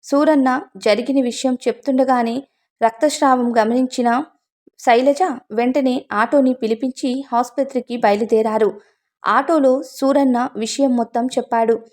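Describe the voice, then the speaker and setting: A woman narrating a scripted emotional story in an even, earnest way. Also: on the high side, unhurried.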